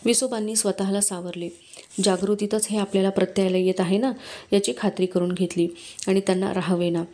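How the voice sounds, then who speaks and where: मंद उबदार आवाजातील कथावाचिका. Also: female voice, medium pitch, little pitch movement, a little fast, dark tone. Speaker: book reader. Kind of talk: storybook reading.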